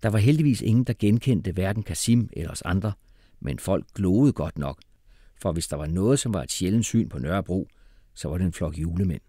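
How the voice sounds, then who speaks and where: A man reading a children's storybook aloud in a playful, lively way. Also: low-pitched, husky, dry recording, studio quality. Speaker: audiobook reader. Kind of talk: storybook narration.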